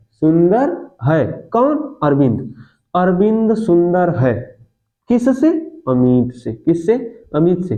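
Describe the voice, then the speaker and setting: A male teacher giving a grammar lesson, asking questions and answering them himself, repeating key words and calling his listeners friends. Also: high-pitched. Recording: phone-like lo-fi audio.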